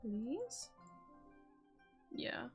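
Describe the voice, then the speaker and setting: A woman game livestreamer chats casually while she plays, speaking very slowly with faint music in the background. She rambles informally, talking both to herself and to her viewers.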